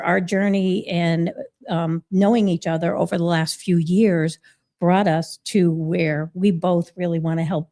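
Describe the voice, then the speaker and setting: A woman from Massachusetts talks as a guest on a radio show. Her voice is lowish and mellow. She speaks in a friendly way with small pauses. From Massachusetts, USA. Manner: warm, friendly, a little halting. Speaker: guest, business owner. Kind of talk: casual interview.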